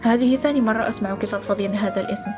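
A woman voicing a gruff, scruffy middle-aged man living in hiding in a read-aloud story. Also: high voice, very fast, over music, close to an everyday voice. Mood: guarded, scornful.

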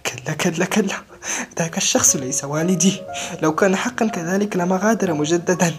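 A bitter young orphaned man cries out in a raised, strained voice, as a woman storyteller puts him on. He hurls reproach after reproach, loud and high. Soft music plays faintly beneath. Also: brisk, close to an everyday voice. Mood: distraught pleading. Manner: shouting, reproachful, heated.

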